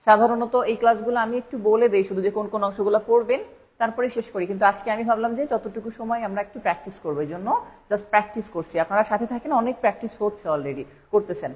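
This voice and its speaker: A woman's voice: medium pitch, rapid-fire, a little mellow, slightly rough. A woman teaching a live online English spelling lesson for exam preparation. She repeats each word several times and spells it out letter by letter.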